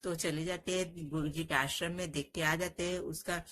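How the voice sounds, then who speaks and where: A woman's voice: sits low, fairly even intonation, moderate pace, fairly bright tone. A woman telling a moral story in a plain, conversational way, with small restarts.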